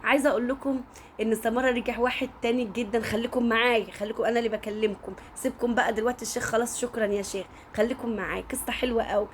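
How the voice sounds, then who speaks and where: A woman's voice: a little high, fairly even intonation, rapid-fire, a little hiss or hum. A woman with an Egyptian accent telling a story in a casual, chatty way, often turning to speak directly to her listeners. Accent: Egyptian Arabic.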